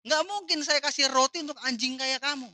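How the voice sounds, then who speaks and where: A woman's voice: high-pitched, brisk, pushed and bright, no room sound, voice pushed up. A woman preacher quoting a stern man who turns away a pleading woman, said firmly and dismissively. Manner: firm and dismissive.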